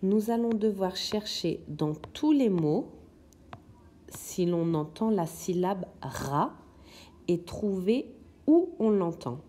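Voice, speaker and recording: A woman's voice: medium pitch, big pitch swings, slow pace, mellow. A woman teaching young children in a recorded lesson, patiently sounding out words syllable by syllable. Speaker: kindergarten teacher.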